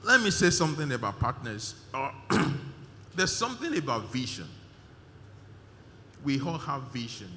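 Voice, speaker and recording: Man, conference speech, emphatic and repetitive, bright tone, reverberant hall. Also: medium pitch, very animated, normal speed, long pauses, a little hiss or hum. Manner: emphatic, repetitive thanks with many fillers. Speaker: conference organizer giving vote of thanks. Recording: hall reverb with faint ambience.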